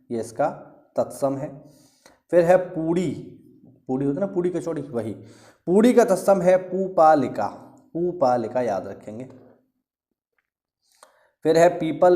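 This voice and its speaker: A man's voice: on the high side, expressive, measured pace, long pauses, warm tone. A man teaching an exam-prep class online. He keeps saying "theek hai" to check understanding and stresses correct pronunciation. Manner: addresses students as friends, stresses correct pronunciation. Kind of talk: online lecture.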